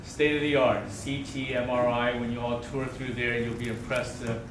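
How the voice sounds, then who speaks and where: A man speaks to a live audience in a halting public welcome speech. His medium-pitched voice comes from some distance in an echoey venue, with heavy noise around it. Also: level tone. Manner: halting, addressing a gathered crowd. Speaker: medical center partner giving opening speech.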